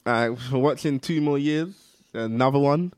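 A young man, hosting a casual chat and telling animated anecdotes. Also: mid-range voice, moderate pace, smooth, no echo. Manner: animated storyteller, laughs through anecdotes. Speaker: podcast host.

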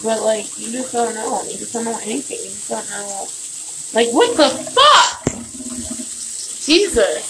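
Recording at home near the bathtub, a young woman hosts her podcast in a gravelly, medium-pitched voice, brisk and almost without pauses. Her manner is loose and full of swearing, and she sounds slightly tipsy over the sound of running water in this noisy recording.

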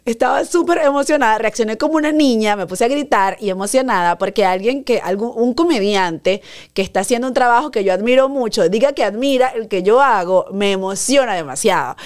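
A woman hosting a podcast, telling a personal story in a casual, animated way and acting out the quoted voices. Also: a little fast. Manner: animated, acts out quoted voices, dramatic pitch jumps. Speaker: podcast host.

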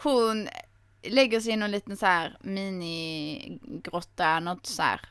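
A woman's voice: on the low side, a bit bright, smooth, no room sound. A woman hosting a podcast, chatting casually and animatedly about a film, swearing and acting out scenes. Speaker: podcast host.

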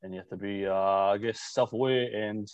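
A man's voice: on the low side, steady tone, normal speed, clean tone. A man hosting a casual, slangy interview. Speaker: podcast host. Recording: slightly dull call audio.

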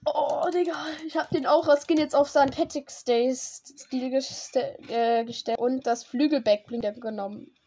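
A woman's voice: high-pitched, fairly even intonation, measured pace, few pauses, warm tone. A young woman giving casual, slangy commentary to a teammate while playing a game. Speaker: gamer streamer.

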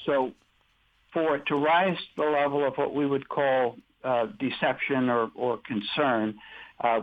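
A male expert guest on an interview talk show, explaining his methods step by step and often restarting his sentences. His voice sits at a middle pitch. He comes through a thin, tinny phone line. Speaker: guest, deception-detection expert. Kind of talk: conversational interview.

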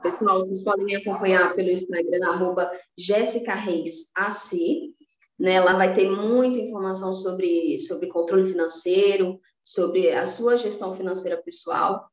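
In a low-quality, roomy recording, a woman from Salvador, Bahia, speaks at medium pitch with fairly even intonation and a moderate pace. Her Bahian Brazilian Portuguese accent comes through as she talks personal finance on a podcast in a casual, earnest, motivating interview, with frequent restarts.

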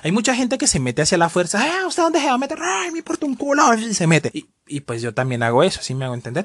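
A woman's voice: low-pitched, dry recording, studio quality. A woman with a Colombian accent from Cali, ranting comically to camera as a vlogger, complaining and imitating sounds and passengers. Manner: animated, complaining, mimics sounds and bus passengers. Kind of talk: casual comedic rant to camera.

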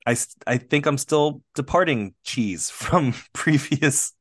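A man's voice: medium pitch, lively intonation, slow pace, a bit bright, no room sound, studio quality. A man co-hosting a podcast, chatting casually in a rambling, self-deprecating way, often laughing. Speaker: podcast co-host. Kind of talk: casual chat.

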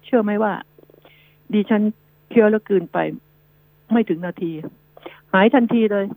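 A woman's voice: medium pitch, fairly even intonation, normal speed, dry recording, narrow, tinny audio. A woman hosting a radio news show, giving chatty, rambling advice to her listeners. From Thailand. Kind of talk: casual radio talk.

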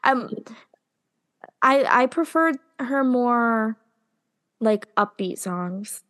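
A woman's voice: on the high side, expressive, very slow, fairly bright tone. Chatty young woman co-hosting a podcast. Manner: chatty, hesitant with many ums. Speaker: podcast co-host. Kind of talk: casual chat.

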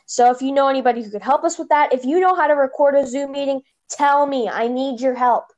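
A woman with a high, slightly mellow voice hosts a casual podcast over the phone, talking quickly. She's chatty and rambling, restarts often, and has a slight lisp.

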